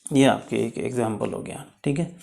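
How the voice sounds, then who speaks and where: A man's voice: medium pitch, creaky, a little mellow. A man teaching chemistry in a step-by-step lecture, checking in often with his students. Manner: explains slowly, checks with "ठीक है".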